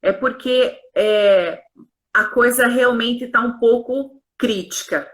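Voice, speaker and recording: In a live-stream conversation, a woman explains her work as a pharmacist and consultant with earnest care, tossing in tag questions. Her voice sits on the high side, and she takes her time.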